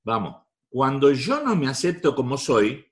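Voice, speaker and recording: Rioplatense man, motivational speaker, very animated intonation, hammering points home. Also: medium pitch, measured pace. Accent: Rioplatense Spanish. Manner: repetitive, emphatic, preachy. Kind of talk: live talk to an audience.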